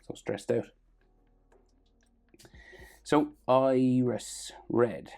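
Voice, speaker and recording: A drawing tutorial host with a mellow, gravelly voice and faint music behind. The instruction is casual and step by step, delivered in halting fragments as if thinking aloud. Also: mid-range voice. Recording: background noise and music.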